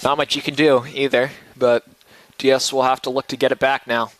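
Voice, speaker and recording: A man's voice: mid-range voice, level tone, a little fast. A man calling live soccer play-by-play in clipped, running phrases. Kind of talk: live sports commentary.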